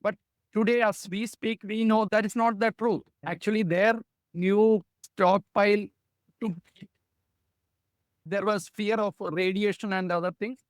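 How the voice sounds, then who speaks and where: A man with an Indian English accent and a high-pitched voice speaks earnestly, unhurried and steady in tone, with no audible room sound. He's a guest journalist taking part in an opinionated discussion.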